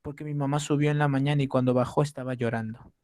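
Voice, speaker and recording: A man's voice: medium pitch, fairly even intonation, quick pace, darkish tone, dry recording, clean studio sound, natural voice. A man voicing a small boy who earnestly and urgently warns his little cousin away from danger.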